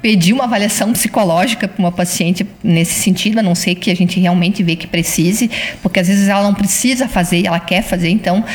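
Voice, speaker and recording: A woman's voice: medium pitch, fast, hardly any pauses. A woman gynecologist answering interview questions, explaining patiently and often adding tag questions.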